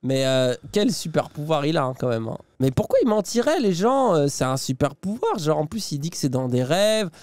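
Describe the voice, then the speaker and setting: A man's voice: fairly high pitch, very animated, normal speed, few pauses, darkish tone, no echo. A man co-hosting a live react stream, teasing and sarcastic in casual banter. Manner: teasing, mock-earnest sarcasm. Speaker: streamer co-host.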